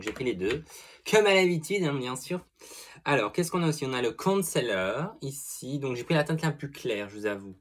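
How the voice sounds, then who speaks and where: A young man talks through a makeup haul in a loose, gossipy vlog style. He is chatty and expressive, swears freely, and gushes over each product as he goes. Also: mid-range voice. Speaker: beauty vlogger. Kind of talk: casual makeup product review.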